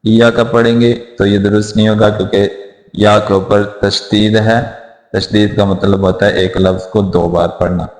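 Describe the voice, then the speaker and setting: A man teaching correct prayer recitation, chanting the verses slowly and drawn out, then explaining common mistakes in plain speech. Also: lowish voice, flat delivery, roomy sound. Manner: alternates slow drawn-out chanted recitation with brisk spoken explanation. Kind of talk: slow recitation lesson with spoken corrections.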